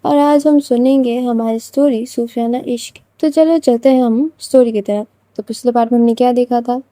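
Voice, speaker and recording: This is a woman narrating a serialized story in a casual, chatty way, speaking straight to her listeners. Her voice is high and very dark and mellow in tone. The recording is dry and close, with no room sound. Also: fairly even intonation, moderate pace, dry recording.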